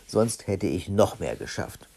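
Brief: man reading a gruff, boastful robber giant from a storybook, low gravelly voice. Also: sing-song, a little slow, darkish tone, exaggerated voice. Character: big bearded gruff male robber giant.

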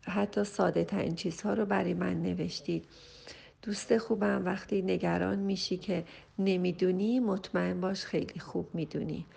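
A woman's voice: fairly low pitch, gravelly, a little mellow, breathy edge. A woman family counselor reading a listener's question and answering it with earnest, emphatic parenting advice. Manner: earnest, advising, slows and rises for emphasis. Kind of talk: recorded voice message answering a listener.

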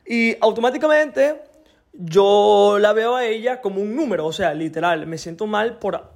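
A man's voice: high-pitched, normal speed, gravelly, darkish tone. A man in his thirties hosting a podcast, telling a story in a chatty way and often checking in with the listener. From Venezuela. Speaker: podcast host. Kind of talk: casual podcast monologue.

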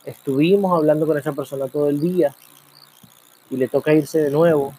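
Musing man with a dark voice. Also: on the high side, steady tone. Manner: musing, full of rhetorical questions, slow drawn-out pauses. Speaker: program host. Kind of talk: reflective spoken monologue.

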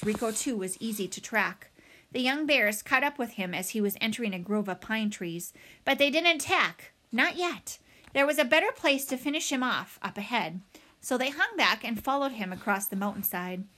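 A woman reading a children's novel aloud in a dramatic, expressive way. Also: on the high side, moderate pace. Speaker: audiobook reader. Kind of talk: storybook read-aloud.

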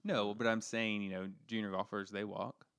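Rambling man with a smooth low voice. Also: little pitch movement, moderate pace, a bit bright, dry recording. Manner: rambling, filler-heavy, self-deprecating. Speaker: podcast co-host. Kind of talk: casual chat.

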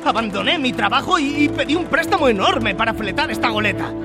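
An actor playing an agitated, stubborn gentleman doctor in a Spanish radio drama, flustered and insistent. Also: very high-pitched, lively intonation, fairly quick, over music. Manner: flustered, insistent, stammering slightly.

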